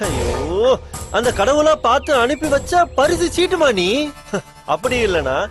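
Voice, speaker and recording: Brief: high, lively-voiced villain kidnapper, mocking and gloating, serial score underneath. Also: male voice, unhurried, full character voice. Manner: taunting, laughs often, mixes English words. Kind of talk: TV serial acting. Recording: music score behind.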